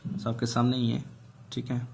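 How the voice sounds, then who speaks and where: A male English teacher going through exam questions one by one, reading each aloud slowly and explaining the answers. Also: mid-range voice, monotone, vocal fry, a little mellow, slight background noise. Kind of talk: online exam answer review.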